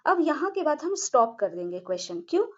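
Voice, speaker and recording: A woman's voice: high-pitched, big pitch swings, fast talker, muffled recording. A woman teacher walking through a maths problem step by step, patiently checking in with the class and answering her own questions. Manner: patient, repeats "ठीक है" and asks herself questions.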